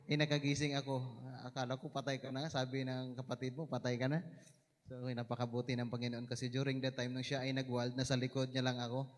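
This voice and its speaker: A man with a Visayan accent sharing an animated personal testimony in church, his voice rising at the dramatic moments. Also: mid-range voice, fast. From Mindanao, Philippines. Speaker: church member giving testimony. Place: church hall. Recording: echoey church hall.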